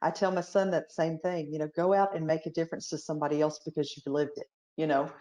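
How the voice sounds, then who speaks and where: A woman's voice: deep voice, little pitch movement, quick pace, mellow, low-quality recording. A woman hosting an interview casually, supportive, reading out audience comments, heard over a video call. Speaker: host.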